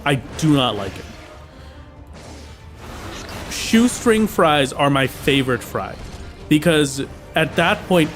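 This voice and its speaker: An Irish man chatting casually on a live game stream, rambling with lots of "like" and "uh" fillers. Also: fairly high pitch. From Ireland. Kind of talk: casual live-stream chat while gaming.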